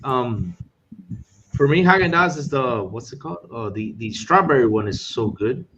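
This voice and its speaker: A man in a casual live chat, often pausing and hunting for words. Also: mid-range voice, lively intonation, fairly bright tone. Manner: hesitant, searching for words. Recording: muffled, noisy live-stream audio.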